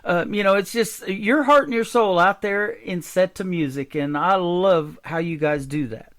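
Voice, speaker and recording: A man's voice: high-pitched, normal speed, a bit bright. A man hosting a radio interview, talking in a friendly, enthusiastic way. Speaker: radio show host.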